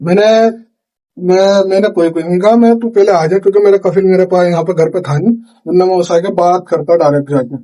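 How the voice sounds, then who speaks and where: Young Indian man, high voice, chatty storyteller vlogging from his kitchen at night. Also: a little fast. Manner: chatty, animated retelling with quoted dialogue. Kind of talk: casual storytelling vlog.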